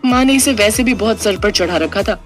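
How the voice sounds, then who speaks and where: A woman voicing a spiteful, sharp-tongued young sister. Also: a little fast, faint music behind, natural voice. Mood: taunting. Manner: high, taunting.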